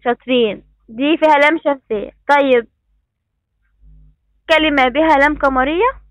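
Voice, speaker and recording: High-voiced Egyptian woman teaching children. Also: moderate pace, no room sound, highs cut off. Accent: Egyptian Arabic. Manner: encouraging, repeats praise and instructions. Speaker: primary school teacher. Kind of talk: online class. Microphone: computer mic on a video call.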